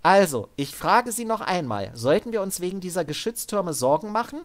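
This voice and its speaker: A man's voice: high-pitched, very animated, fairly quick, pitched above the performer's own voice. A man voicing a tough female former mercenary who questions people sharply in an audiobook-style story reading. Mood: pressing. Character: tough female ex-mercenary searching for her daughter.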